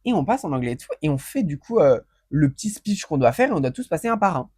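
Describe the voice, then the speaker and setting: A man's voice: a little high, quick pace, breathy edge, dry recording, studio quality. A young man co-hosting a podcast, telling anecdotes in casual chat and acting out the voices of the people in them. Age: young adult. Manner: animated storyteller, acts out voices in anecdotes. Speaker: podcast co-host.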